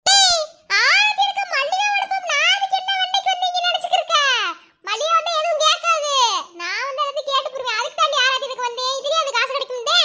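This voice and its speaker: A woman with a Madurai Tamil accent voicing a sharp-tongued young village wife in a cartoon, teasing and scolding. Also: very high-pitched, rapid-fire, full character voice. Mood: mocking. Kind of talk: cartoon voice acting.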